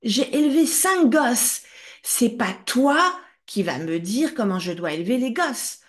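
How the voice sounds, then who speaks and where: A woman voicing a harsh, exhausted mother of five who scolds her son in coarse, drawn-out words. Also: a little high, big pitch swings, voice pushed up. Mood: scolding.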